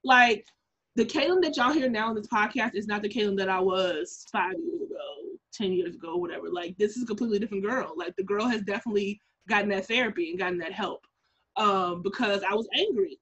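A young woman co-hosting a podcast in casual chat, animated and laughing, often jumping into high-pitched impressions. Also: fairly quick, slightly rough. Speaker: podcast co-host. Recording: muffled lo-fi audio.

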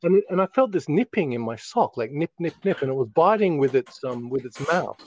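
A man's voice: fairly high pitch, expressive, brisk, a crowd in the background. A middle-aged man with a broad Australian accent, telling rambling stories in casual, sweary, slang-filled chat.

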